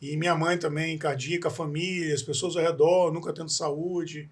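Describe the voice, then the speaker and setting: Speaking at a moderate pace with little movement in pitch, a man with a husky, fairly high voice shares his life story as a podcast interview guest. Originally from Espírito Santo in Brazil, he rambles earnestly, frequently starting over and adding a questioning aside to many phrases.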